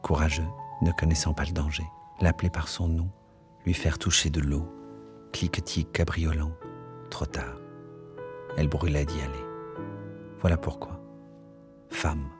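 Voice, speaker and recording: A man with a very low voice reads a literary text aloud, measured and expressive. Soft music sits faintly underneath his narration. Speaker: audiobook narrator. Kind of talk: literary reading.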